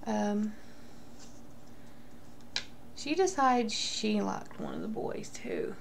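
Woman, thirties, gossipy casual storytime, very creaky voice, slow and rambling, home camera recording. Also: mid-range voice, wildly swooping pitch, a little hiss or hum. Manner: gossipy, rambling, halting delivery with tangents. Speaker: vlogger. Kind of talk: casual confessional get-ready-with-me storytime. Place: small room at home, indoors.

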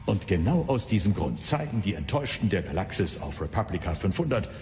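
Grave investigator, low, echoing voice. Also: male voice, very animated, fairly quick, a little mellow, slight background noise. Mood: serious. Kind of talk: German audio drama acting. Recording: long cavernous reverb, faint music.

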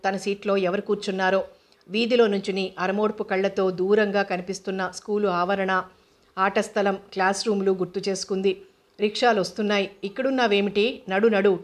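A woman narrates a novel in a level, unhurried reading voice. Her pitch barely moves, keeping each line calm and even from start to finish.

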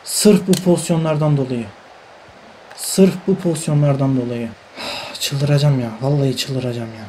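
A man's voice: mid-range voice, moderate pace, dark tone, slight background noise, low-quality recording. A man commentating his own football video game as he plays, frustrated and grumbling, often repeating himself. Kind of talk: live gameplay commentary.

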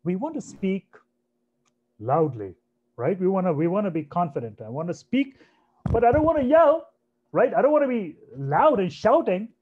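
A soft-voiced Indian man in his thirties presents an online career webinar from a home room on a video call, speaking conversationally, repeating himself and often asking "right?". His voice is high-pitched, husky and very animated at a normal speed, captured by a computer mic in dull, lo-fi webinar audio.

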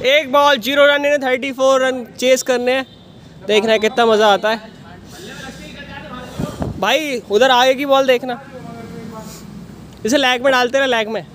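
A young man filming on his phone at an outdoor turf cricket net, giving excited, shouting commentary on a friendly match. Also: very high-pitched, unhurried, long pauses. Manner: loud, excitable, shouting calls. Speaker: vlogger and player-commentator. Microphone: handheld phone camera.

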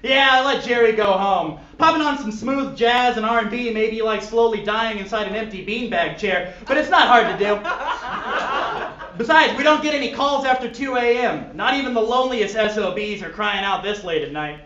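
Guy doing a loud manic radio sports guy, bright and brash. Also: high-pitched, normal speed, distant mic, muffled recording, pitched above the performer's own voice. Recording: roomy live stage reading.

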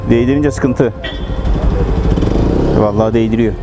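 A man's voice: medium pitch, steady tone, measured pace, over loud music. A man vlogging casually to himself from inside a motorcycle helmet while riding, muttering in a playful, colloquial way.

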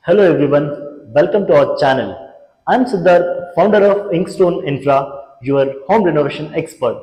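A young man, a renovation company founder, walks through an empty apartment explaining planned changes in a measured, presenting way, on a lapel mic. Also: a little high, mellow. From India. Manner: measured, explanatory, pointing out features. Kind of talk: scripted walkthrough presentation. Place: large empty apartment rooms, indoors. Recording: echoey empty rooms with background music.

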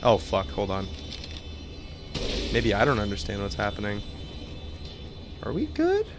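Over music, a young man live-streams a game from home, his fairly low voice swinging hugely in pitch at an unhurried pace. He chats casually, swearing and laughing as he reads the game's text aloud.

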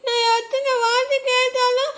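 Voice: level tone, moderate pace, a bit bright. A performer voicing a little cartoon girl who whines and cries for a toy. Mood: crying. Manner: tearful pleading, high squeaky cartoon voice. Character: little girl, whiny and stubborn. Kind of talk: cartoon acting.

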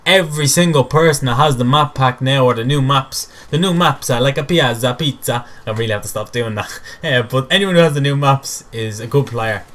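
A young man from Ireland, rambling excitedly and mocking himself as he commentates over game footage. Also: mid-range voice, brisk. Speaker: gameplay commentator.

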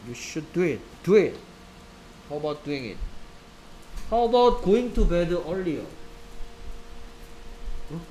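A man's voice: fairly high pitch, big pitch swings, warm tone, slight background noise, poor audio. A man teaching a grammar lesson in a classroom, repeating each phrase in two languages and often checking that the class understands. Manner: keeps checking understanding with quick questions; repeats each phrase in English then Korean. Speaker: English teacher.

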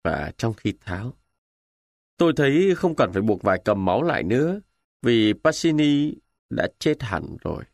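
A man narrating a war novel in the first person with dramatic, expressive delivery. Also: mid-range voice, normal speed, creaky, no echo, clean studio sound. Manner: expressive, emotional storytelling. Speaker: audiobook narrator.

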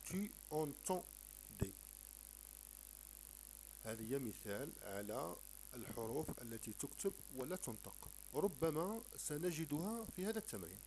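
A man's voice: medium pitch, very animated, dark tone, rough recording. Male tutor with an Algerian accent, patient and repetitive, breaking words into letters, faint music behind. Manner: patient, repeats words slowly and sounds out letters. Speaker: teacher. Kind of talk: explaining a French textbook lesson in Arabic.

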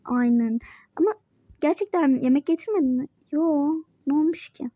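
A woman's voice: high-pitched, no room sound, dull audio. A young female player doing casual, playful role-play chat in a mobile game. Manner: chatty, playful, quick back-and-forth. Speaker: Toca Life roleplay player voicing Mike.

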